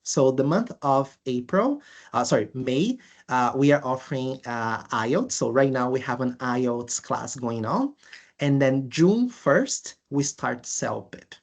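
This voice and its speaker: A language school presenter from Brazil, speaking with a Brazilian accent, goes through course details in a webinar. Her medium-pitched voice has lively intonation, but her delivery is halting, with frequent uhs and restarts.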